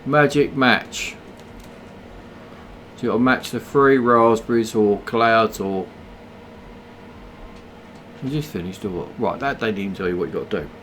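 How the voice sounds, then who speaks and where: A man's voice: lowish voice, a little slow, pauses often, fairly bright tone, slight background noise. A tired man, mocking the ads he watches during a late game stream. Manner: sarcastic, mocking. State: tired, yawning. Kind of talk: casual live-stream commentary on ads.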